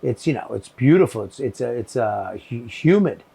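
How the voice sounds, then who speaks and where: A man's voice: mid-range voice, lively intonation, normal speed, gravelly, dark tone, breathy edge. A man with a Boston accent, rambling and swearing as he chats casually about cigars, often groping for words. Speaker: podcast host, comedian. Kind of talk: casual chat. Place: shed with cigars.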